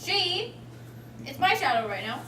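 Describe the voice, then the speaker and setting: A woman's voice: high-pitched, very animated, measured pace, noisy background. A woman from Florida playing a tabletop game, who teases the group in a playful way. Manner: playful and teasing. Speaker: player. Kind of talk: casual tabletop game chat. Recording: echoey room from far off.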